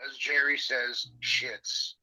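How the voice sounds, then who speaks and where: A man on a phone call played through a speakerphone, chatting casually and joking in quick bursts. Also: medium pitch, flat delivery, crowd noise. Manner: jokey, talks in quick bursts. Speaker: caller on the phone. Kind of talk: casual chat. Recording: phone audio held up to a studio mic.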